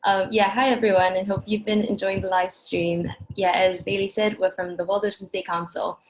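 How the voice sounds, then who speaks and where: A young woman from Singapore introducing her group on a video call, relaxed and friendly. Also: medium pitch, normal speed, poor audio. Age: young adult. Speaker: youth council member. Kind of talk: casual introduction.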